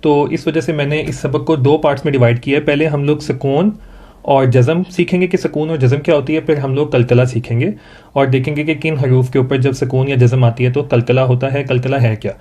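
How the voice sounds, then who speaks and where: A man's voice: mid-range voice, steady tone, mellow. Patient Pakistani man tutoring Quran reading. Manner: patient, repeats each sound slowly for the student to echo. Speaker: Quran recitation teacher.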